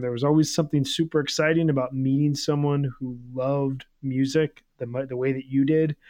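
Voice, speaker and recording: A man's voice: mid-range voice, a little mellow, no room sound. A man in his thirties co-hosting a podcast, talking in a reflective, rambling way with many fillers. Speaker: podcast co-host. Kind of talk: casual podcast chat.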